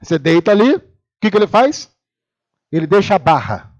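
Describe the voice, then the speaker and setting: A pastor from Brazil giving a humorous sermon in church, telling stories and acting out the voices of the people in them. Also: male voice, high-pitched, brisk, muffled recording. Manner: animated storytelling, acting out quoted voices.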